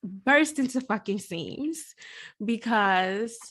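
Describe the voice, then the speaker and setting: A woman hosts a casual podcast chat with a slightly high voice. She talks in an animated, slangy way, laughing often as she goes. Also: slow pace. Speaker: podcast host.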